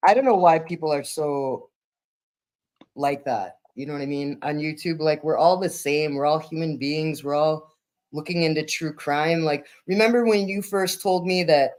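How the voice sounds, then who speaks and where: A woman's voice: low-pitched, darkish tone. Giggly woman co-host chatting. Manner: giggly, talks in quick bursts with fillers. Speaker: livestream co-host. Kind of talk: casual chat.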